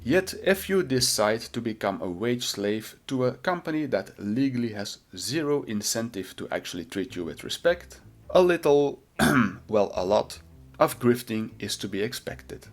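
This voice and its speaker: A man's voice: on the low side, lively intonation, moderate pace. A man delivering scripted video essay commentary in a sardonic, mocking manner.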